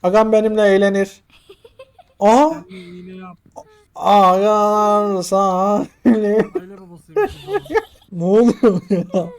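A man's voice: high-pitched, fairly even intonation, slow, long pauses, warm tone, clean tone. A young man casually commenting on a horror game he is playing, joking around in slang and muttering to himself as he checks things off. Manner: joking, slangy, counts items under his breath. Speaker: gaming YouTuber.

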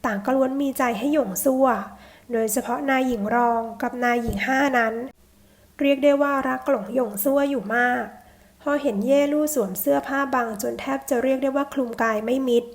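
A woman's voice: high voice, steady tone, brisk. A woman steadily narrating a translated period novel as an audiobook.

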